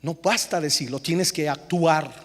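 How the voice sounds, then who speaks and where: A man preaching a lively sermon as pastor, acting out parents and children in quick, changing voices. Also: on the high side, big-room sound. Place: church.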